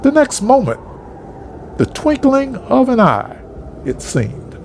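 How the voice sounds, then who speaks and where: A man reading a story aloud in an expressive, dramatic narration style. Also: very high-pitched, takes it slowly, a little hiss or hum.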